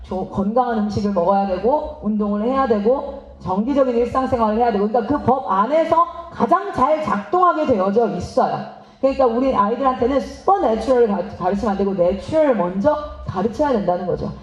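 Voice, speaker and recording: A woman missionary giving a lively seminar talk, asking the audience questions and acting out parents and children. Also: on the high side, a little fast. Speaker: missionary speaking at a teachers' seminar. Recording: roomy, slightly dull hall recording.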